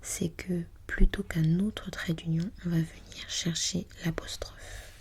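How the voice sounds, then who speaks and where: A woman whispering breathily as in a library, reading aloud for ASMR in a hushed, unhurried, musing way. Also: lowish voice, flat delivery. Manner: hushed, unhurried, murmuring to self while reading. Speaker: ASMR host.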